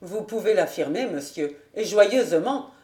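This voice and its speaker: A woman reading aloud as a loyal, sorrowful old male squire, in a low, grave tone. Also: animated, a little slow, dark tone, close to an everyday voice. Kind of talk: audiobook reading. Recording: roomy echo.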